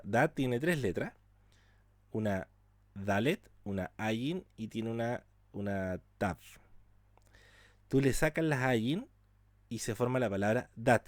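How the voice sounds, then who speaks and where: A man's voice: fairly low pitch, expressive, slow pace, pauses often, dry recording. Man teaching a scripture class, dry sound. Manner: asks rhetorical questions and addresses the class directly; acts out quoted speech dramatically. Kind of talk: lecture on scripture.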